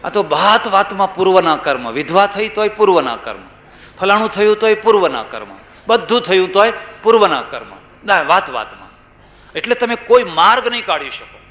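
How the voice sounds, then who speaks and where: A man's voice: high-pitched, sing-song, moderate pace, fairly bright tone, reverberant. A man giving a religious discourse as a swami, telling stories, acting out quoted voices and asking rhetorical questions.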